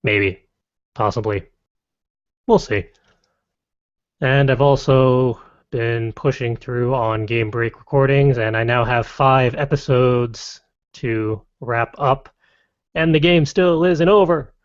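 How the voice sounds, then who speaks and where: A man hosting a casual podcast, reading lists briskly and adding wry, playful asides. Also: mid-range voice. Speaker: podcast host. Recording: dull lo-fi dry podcast audio.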